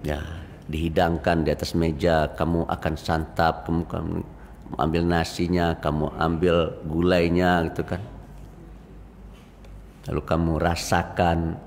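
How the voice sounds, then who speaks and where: An older Indonesian man gives a lively after-dawn mosque sermon, telling stories and acting out the voices he quotes. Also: deep voice, unhurried. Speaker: preacher. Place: mosque hall. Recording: reverberant mosque hall, faint noise.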